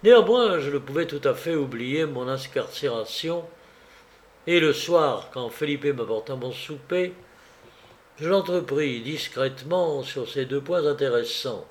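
Slow, deliberate male narrator. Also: medium pitch, animated. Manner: measured, deliberate reading. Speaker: audiobook narrator. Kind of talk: literary audiobook narration.

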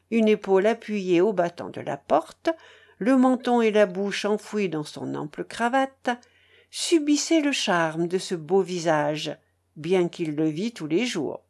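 A woman reading a classic novel aloud as narrator, with expressive, dramatic storytelling. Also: on the low side, measured pace, gravelly. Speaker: audiobook narrator.

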